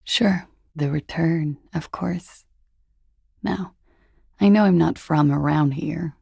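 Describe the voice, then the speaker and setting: Klaasje, husky, creaky, jaded flirt. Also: female voice, sits low, slow pace, dark tone, no room sound, studio quality, full character voice. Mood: wistful, mysterious. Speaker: video game character. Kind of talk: video game dialogue.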